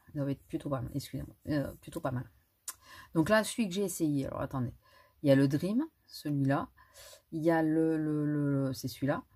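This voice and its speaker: A middle-aged beauty vlogger reviews a makeup palette in a casual, chatty way, sounding hesitant, restarting often and laughing softly. Her voice is low and a little mellow, with a breathy edge.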